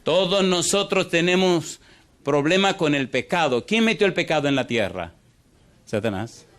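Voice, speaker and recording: A man preaching a sermon as pastor, animated, quizzing the congregation with repeated yes-or-no questions and swinging between rushed and drawn-out delivery. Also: on the high side. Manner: animated, shifts pace from fast to drawn out.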